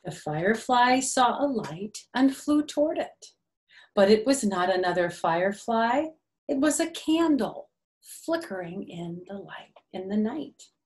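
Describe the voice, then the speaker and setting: An older woman reads a picture book aloud to young children, using simple phrasing and slipping in little questions and asides for them. Her mid-range, darkish voice is animated and a little slow.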